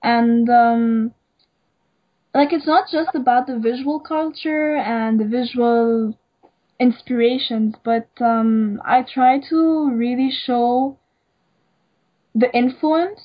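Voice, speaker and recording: Speaking slowly in a fairly high voice, an emerging young designer from Egypt responds hesitantly in a casual interview. Her answers are filled with "um"s and "like"s, and the recording has a dull lo-fi quality.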